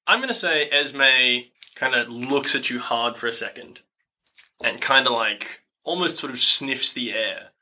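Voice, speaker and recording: A man's voice: medium pitch, animated, unhurried, bright, forceful tone. A man narrating as game master of a tabletop game, in a casual style full of fillers.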